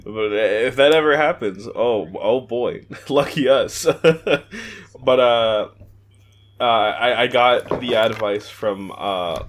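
A man's voice: medium pitch, slow pace, a little hiss or hum. A young man co-hosting a podcast in casual chat, hesitant and stammering, often breaking into laughs. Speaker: podcast co-host.

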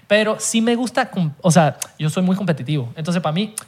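A man in casual chat, talking in a relaxed, slangy way about baseball. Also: high-pitched, a little fast.

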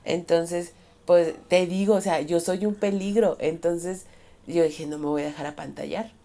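A woman's voice: fairly low pitch, steady tone, moderate pace, warm tone. A woman with a Mexican accent, co-hosting a casual podcast, telling funny self-mocking stories and laughing as she goes. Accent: Mexican Spanish. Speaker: podcast co-host.

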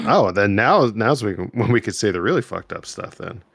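A man's voice: on the low side, lively intonation, moderate pace, a bit bright, husky, dry recording, studio quality. A man co-hosting a podcast in laid-back, teasing, profane chat. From New Jersey. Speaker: podcast co-host. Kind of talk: casual chat.

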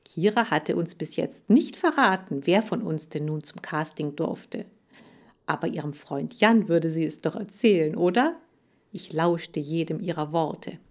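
A woman narrating a children's book aloud in the first person, lively in tone. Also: deep voice, a little slow. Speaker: audiobook narrator.

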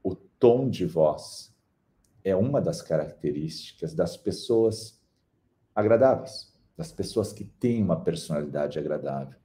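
Deep, mellow-voiced man. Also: lively intonation, a little slow. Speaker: speaker on personal development. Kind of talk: motivational talk.

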